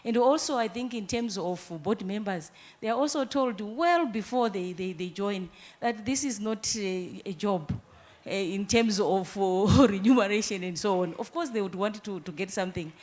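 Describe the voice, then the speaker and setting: At a conference, a Zimbabwean woman in the audience takes a handheld mic to comment from the floor. Her mid-range voice is a little mellow and moves at a moderate pace. She talks earnestly and at length, with frequent restarts.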